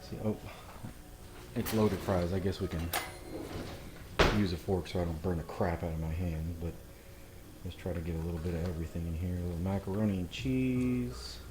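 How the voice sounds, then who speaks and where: Deep-voiced and steady, a man hosts a laid-back cooking vlog at home, speaking at a moderate pace with frequent pauses amid background noise. Faint music echoes through the kitchen as he jokes, teases himself and addresses his audience.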